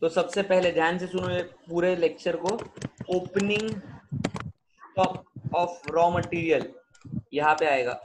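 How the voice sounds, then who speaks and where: Man, high voice, accounts teacher, quizzing students, noisy recording, keyboard clicks. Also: steady tone, slow. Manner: switches between Hindi, Marathi and English, questions students often. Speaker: commerce teacher. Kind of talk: online accounts lecture.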